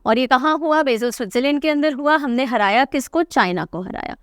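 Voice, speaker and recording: A young woman with a high, smooth voice teaches an exam-prep lesson. She is chatty and teasing and says the key names over and over so they stick. The sound is dry and close. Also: fairly quick, no echo. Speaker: current affairs teacher.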